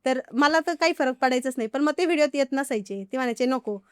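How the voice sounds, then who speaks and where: High, quick-talking woman. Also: smooth, no room sound, clean studio sound. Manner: animated, acts out others' quoted lines. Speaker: farmer vlogger guest. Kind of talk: casual podcast interview storytelling.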